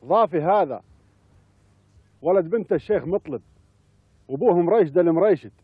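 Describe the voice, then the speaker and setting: A man's voice: sits high, lively intonation, a little fast, slightly rough, no room sound. An actor playing a grave, emphatic Bedouin man, speaking Bedouin Arabic in a television drama. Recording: dry, muffled, faint music.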